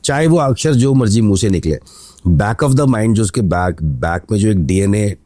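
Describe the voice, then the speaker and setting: A man's voice: fairly low pitch, lively intonation, moderate pace, mellow, no echo. A man founder being interviewed on a podcast, explaining at length with anecdotes and slipping English phrases into his talk. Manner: mixes in English phrases while talking. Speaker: matchmaking site founder, guest.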